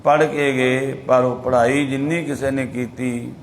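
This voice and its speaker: A man with a Punjabi accent giving a sermon, slowing right down to chant scripture verses and then explaining them in plain, everyday talk. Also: mid-range voice, flat delivery, slight background noise. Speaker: Sikh preacher giving scripture commentary.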